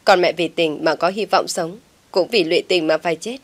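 A melodramatic young village woman wails and pleads in a rush, tearful and scheming underneath, as a female storyteller puts her on. The voice sits a touch low. It is an audiobook drama read by one voice. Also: lightly acted. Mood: tearful pleading. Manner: sobbing, pleading fast.

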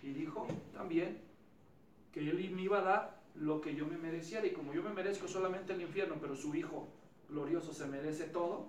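A man's voice: a little high, a little mellow, slight background noise. A man preaching a sermon in a conversational, self-deprecating way, often checking in with his listeners. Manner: conversational, self-deprecating, asks the audience questions. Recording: echoey hall, distant mic, faint ambience.

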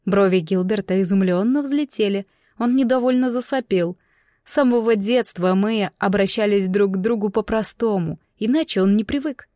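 A woman narrating a fantasy novel in the first person, with expressive storytelling. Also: mid-range voice, normal speed, no echo, studio quality. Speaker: audiobook narrator.

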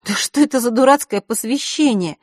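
A woman's voice: a little high, a little fast, no echo, clean studio sound, pitched above the performer's own voice, close to an everyday voice. A woman reading aloud, voicing a bold young girl who asks blunt, demanding questions.

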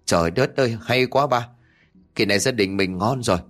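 A man voicing a brash, greedy young male schemer who talks in an excited, wheedling way. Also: mid-range voice, normal speed, lightly acted. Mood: eager.

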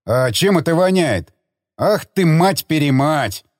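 A man's voice: on the high side, expressive, takes it slowly, no echo, studio quality. A man voicing a sly, mocking tough guy in an audiobook, talking with cocky ease. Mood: smug. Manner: smug, mocking.

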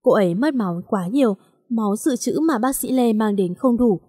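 Woman storyteller, expressive, high voice, dry close sound. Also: moderate pace, breathy edge, no room sound. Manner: expressive reading. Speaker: narrator. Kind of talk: dramatic storytelling narration.

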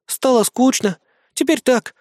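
An innocent-sounding soldier woman with a soft, dreamy lilt, as the reader plays her, pitched above the narration. She is recorded dry and up close. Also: a little slow, no echo. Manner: flat, innocent tone. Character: red-haired female lieutenant, innocent-sounding and stern.

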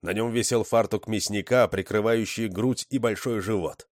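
A man narrating an audiobook in an expressive storytelling manner. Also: on the low side, moderate pace, no room sound, clean studio sound.

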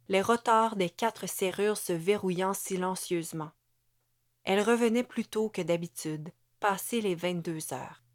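A woman narrating a novel in a measured, even reading. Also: on the low side, no room sound, studio quality. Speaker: audiobook narrator.

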